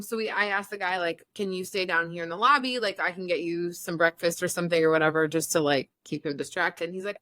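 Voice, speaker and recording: A woman's voice: medium pitch, dry recording, clean studio sound. A woman in her thirties co-hosting a podcast, telling a long story in casual chat and acting out the people in it. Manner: animated storyteller, acts out quotes. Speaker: podcast co-host.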